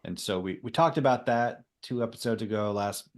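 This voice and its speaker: Man, low voice, podcast co-host, explanatory, casual theology talk. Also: a little fast. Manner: explanatory, with frequent ums.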